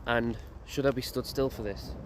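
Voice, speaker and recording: At a moderate pace and with fairly even intonation, a medium-pitched man strolls through a graveyard outdoors, vlogging as a paranormal investigator. He muses and questions himself in casual walking commentary, while loud outdoor noise and a passing motorbike are heard.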